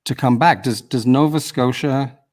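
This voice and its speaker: A man from the UK hosts a casual interview over a video call. He talks in a chatty, rambling way, circling back on his questions and teasing his guest now and then. His voice sits at an ordinary middle pitch. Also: moderate pace, a little mellow. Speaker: host.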